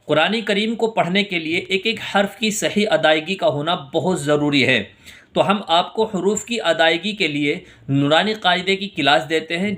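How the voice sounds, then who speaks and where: A man with a high, bright voice leads a Quran recitation lesson. He talks through the pronunciation rules at a quick clip, then slows right down to chant each verse carefully. His overall delivery is unhurried. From India. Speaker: Quran teacher.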